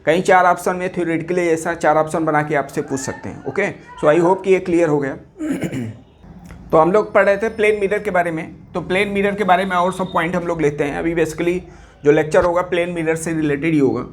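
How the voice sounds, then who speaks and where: Teaching physics to exam candidates, a man with a slightly high voice fires questions at the class and answers them himself at a moderate pace. He repeats key terms and mixes English words into his Hindi, with a faint hiss or hum in the background.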